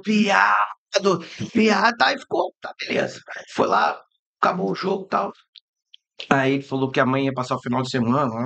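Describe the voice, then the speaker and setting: A Brazilian man hosting a podcast, telling lively anecdotes in casual chat and mimicking the people in his stories. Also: medium pitch, creaky. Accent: Brazilian Portuguese. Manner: animated, mimics voices in anecdotes, swears and laughs. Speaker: podcast host.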